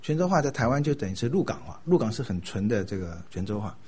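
Lively, husky older man preaching. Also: mid-range voice, fast. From Taiwan. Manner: animated storytelling, laughing at his own jokes. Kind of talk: sermon.

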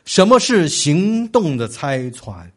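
A man's voice: on the high side, big pitch swings, slow pace, fairly bright tone. A man preaching a sermon, stressing key phrases and leading the congregation to repeat them after him. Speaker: pastor.

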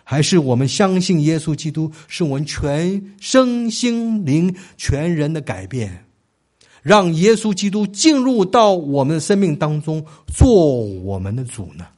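A man's voice: a little high, very animated, a little slow, a little mellow. A man preaching a sermon, stressing key phrases and leading the congregation to repeat them after him. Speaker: pastor.

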